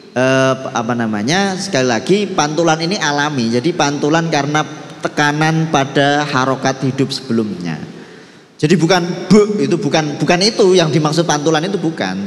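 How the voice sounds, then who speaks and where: A man teaching Quran reading in a mosque, drawing out sounds slowly and loudly before relaxed explanations. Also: a little high, roomy sound, big-room sound. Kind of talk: classroom Quran reading lesson. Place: mosque hall.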